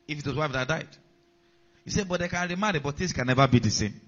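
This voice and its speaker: A fast-talking pastor with a fairly high-pitched voice delivers a sermon full of repeated key lines and call-outs to the congregation, recorded with a dull lo-fi sound.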